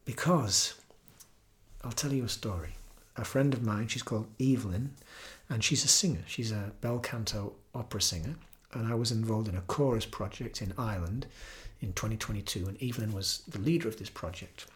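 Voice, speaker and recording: A man teaching about kirtan, telling stories in an earnest, gentle way with frequent pauses and restarts. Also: lowish voice. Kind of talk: reflective storytelling talk.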